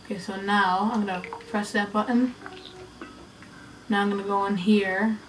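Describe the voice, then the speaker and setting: A woman's voice: medium pitch, flat delivery, moderate pace, recorded from a distance, slight background noise, low-quality recording. A woman giving casual, teasing commentary while playing a video game. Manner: chatty, teasing, talking to viewers. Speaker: game player.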